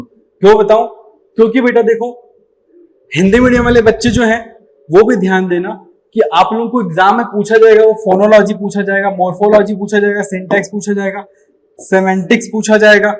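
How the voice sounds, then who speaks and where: High-voiced man teaching a class. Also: low-quality recording. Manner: explains step by step, asks the class questions and answers them himself; calls students 'beta' affectionately. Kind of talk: live online exam-prep lecture.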